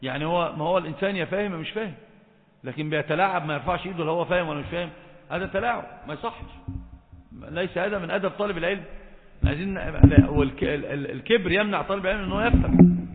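A fast-talking man with a fairly high voice gives a classroom religious lecture on Islamic law. He quizzes his students as he goes. The sound is thin and phone-like, with a long hall reverb around it. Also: heavy background noise. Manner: quizzes the students, scolds them for not raising hands.

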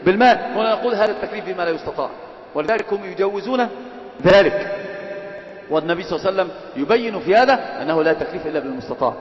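Man, religious lesson, quizzes students, rapid delivery, high voice, echoey hall, dull lo-fi recording. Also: animated. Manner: mixes classical Arabic with colloquial, quizzes and teases dozing students. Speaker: religious teacher.

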